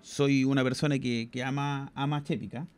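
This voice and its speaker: A man's voice: mid-range voice, steady tone, moderate pace, a little mellow, smooth, soft background music. A Chilean man co-hosting a podcast, giving strong opinions in casual discussion and often repeating words as he thinks. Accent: Chilean Spanish. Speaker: podcast co-host.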